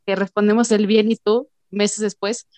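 Mexican woman podcast host: wry and joking, mid pitch, dry close mic. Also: little pitch movement, normal speed, a little mellow, dry recording. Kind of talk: casual chat.

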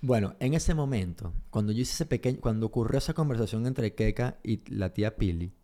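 Fast-talking man with a dark voice. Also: on the low side, expressive. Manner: rapid, rambling, with frequent fillers. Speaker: podcast co-host. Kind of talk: casual couple storytelling.

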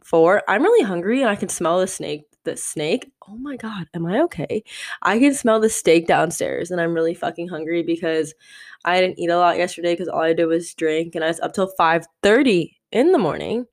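A young woman in her twenties hosts her own podcast alone, chatting frankly and loosely. Her voice sits a little low for a woman, and she rambles, filling her sentences with casual fillers. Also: lively intonation, normal speed. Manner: candid, rambling, frequent "like" fillers. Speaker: podcast host. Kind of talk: solo podcast chat.

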